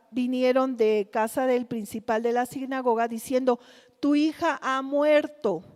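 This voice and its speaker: Woman preacher, measured pace and higher voice, rhetorical questions, live church hall reverb. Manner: asks the congregation rhetorical questions, slow and deliberate. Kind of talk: sermon.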